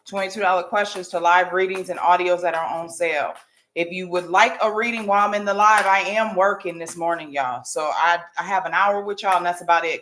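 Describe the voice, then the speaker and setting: With a slightly bright voice on the low side, an American tarot reader talks directly to her livestream viewers, using slang and a familiar, informal manner in a casual reading styled like a psychic hotline. The room echoes, and there's light background noise.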